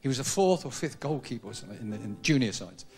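A man's voice: medium pitch, lively intonation, quick pace. A man hosting a talk show, chatting and telling jokey stories. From England. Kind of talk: live studio talk show banter. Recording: lo-fi VHS tape with loud studio audience and band.

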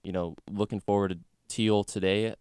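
A man's voice: on the low side, fairly even intonation, moderate pace, a little mellow, clear, resonant tone, dry recording, clean studio sound. A young man co-hosting a college sports podcast, chatting about games in a loose, joking way with lots of fillers. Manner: chatty, jokey, lots of fillers like "you know" and "like". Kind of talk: casual sports chat.

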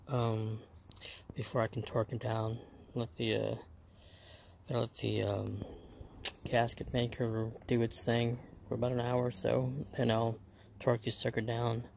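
This is a man talking casually to his camera about his own engine build. His voice has a gravelly edge and stays flat in pitch. He explains step by step, pausing often and filling the gaps with small hesitations. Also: slight background noise. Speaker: home car mechanic.

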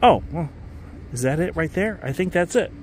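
A man's voice: fairly high pitch, expressive, normal speed, a little hiss or hum. A man filming a casual walking vlog as he tours a stadium, talking in an enthusiastic, rambling way and often correcting himself mid-sentence. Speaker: stadium tour vlogger. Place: outdoors in a large stadium.

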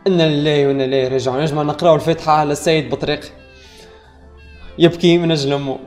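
A gaming streamer, animated and exclaiming, joking with the chat during live gameplay commentary. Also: medium pitch, rapid-fire, faint music behind.

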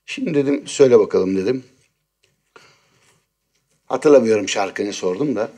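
A man hosting a talk show, telling a story in an animated, exasperated way. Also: fairly low pitch, normal speed. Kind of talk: casual chat, telling a story.

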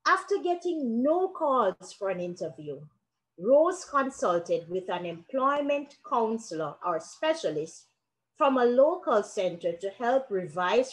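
A woman presenting in a video call, reading a scenario story aloud slowly and stressing names and key words. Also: on the high side, low-quality recording.

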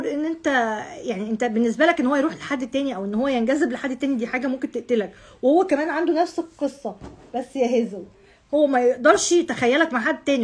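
A woman's voice: high-pitched, breathy edge. A woman with an Egyptian accent, an astrologer giving a casual monthly horoscope reading, talking straight to the viewer, repeating herself and dropping English phrases. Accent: Egyptian Arabic. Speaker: astrologer host.

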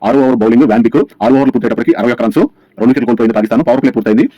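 Very fast-talking man recapping cricket. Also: mid-range voice, fairly even intonation, mellow, no room sound. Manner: rattles through over-by-over scores. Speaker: YouTube channel host. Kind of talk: scripted cricket match recap narration. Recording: dull, lo-fi sound.

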